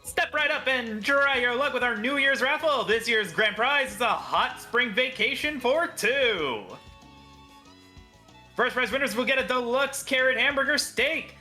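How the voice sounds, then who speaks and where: A woman voicing a booming, excitable prize announcer at a New Year's raffle in a video game. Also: measured pace, soft background music. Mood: excited hawking.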